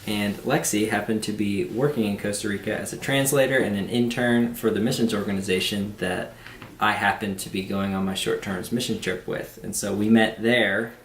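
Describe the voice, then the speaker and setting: A man's voice: lowish voice, fairly even intonation, moderate pace, a bit bright. A man in his twenties from Pennsylvania, chatting casually and telling stories in a matter-of-fact way on a home vlog. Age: 20s. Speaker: vlogger. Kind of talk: casual chat. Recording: roomy home video with faint noise.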